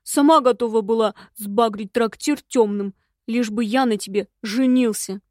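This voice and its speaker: A woman's voice: a little high, a little mellow, no echo, studio quality, natural voice. Woman doing a whiny, snide cowardly husband. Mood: sulky, snide. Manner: drawn-out, sulky and mocking delivery. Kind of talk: audiobook dialogue.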